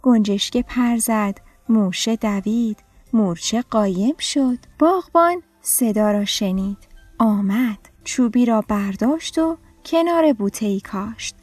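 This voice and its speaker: A woman narrating a children's story in a gentle, clear storytelling way. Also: on the high side, dry recording. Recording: dry studio with soft music.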